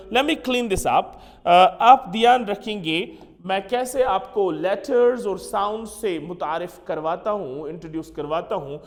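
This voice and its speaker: In a brief clip from a classroom pronunciation lesson, a male English teacher with a high, lively voice drills words by repeating them slowly. He moves back and forth between English and Hindi, and the room is reverberant.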